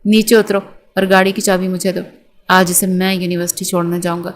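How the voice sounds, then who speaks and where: A woman's voice: fairly low pitch, flat delivery, natural voice. Woman reading as a furious domineering young husband. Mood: angry, commanding. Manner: commanding, threatening.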